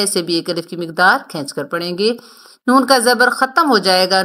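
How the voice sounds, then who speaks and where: Woman teaching quran tajweed, bright clear voice, explains then recites slow and stretched, repeats words over and over. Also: medium pitch. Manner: breaks from Urdu explanation into slow, drawn-out Arabic recitation; instructive, repeats each word to model correct sounds.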